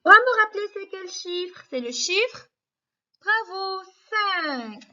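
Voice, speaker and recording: A woman kindergarten teacher giving a remote lesson to small children, speaking slowly and clearly, repeating and spelling out sounds and praising often. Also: very high-pitched, animated, bright, forceful tone, highs cut off.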